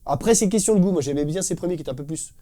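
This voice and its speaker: A man's voice: on the high side, very fast, warm tone. A man teaching a casual drum lesson, enthusiastic and slangy, imitating drum fills with spoken syllables. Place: drum studio. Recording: drum music playing behind the voice.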